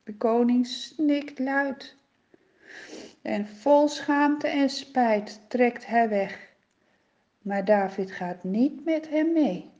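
A woman telling a children's Bible story in an expressive, suspenseful manner. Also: on the high side, very slow. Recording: dull lo-fi recording.

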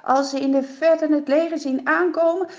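A woman narrating a Bible story for children, expressive, with dramatic pauses and hushed passages. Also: high-pitched, dull audio.

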